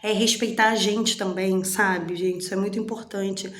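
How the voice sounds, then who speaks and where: A candid woman talks to her viewers about her own feelings, chatting openly and voicing both sides of her inner arguments. Her voice sits at a middle pitch and rings out in a noticeably echoey room. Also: steady tone, moderate pace, a little hiss or hum. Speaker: channel host. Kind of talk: personal reflection vlog.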